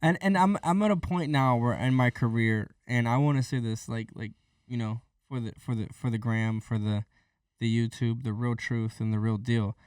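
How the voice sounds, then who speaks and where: A man's voice: medium pitch, fairly even intonation, moderate pace, a little mellow, dry recording, far from the mic. Man, podcast co-host, raw and emotional, repeats himself, swears, dry room, a bit off-mic. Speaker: podcast co-host, forex trader. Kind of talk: candid podcast conversation.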